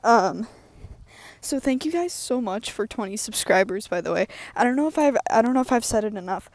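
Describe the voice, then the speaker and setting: A young woman with a slightly high voice rambles through a casual walking vlog, filling her sentences with ums and likes. Her humor is dry and self-mocking, and she sounds a little winded from walking. She talks outdoors into an earbud headset mic. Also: a little fast, no room sound. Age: young adult. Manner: rambling, filler-heavy, self-deprecating, deadpan humor. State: slightly out of breath from walking uphill. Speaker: YouTuber. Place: outdoors at the edge of woods. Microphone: wired earbud headset mic, phone held low.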